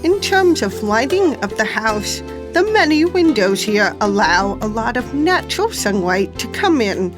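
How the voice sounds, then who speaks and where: Woman from taiwan hosting a travel show, high bright voice, super eager, loud music under her. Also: measured pace, hardly any pauses, low-quality recording. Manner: eager, lively presenter. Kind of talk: upbeat travel show presenting.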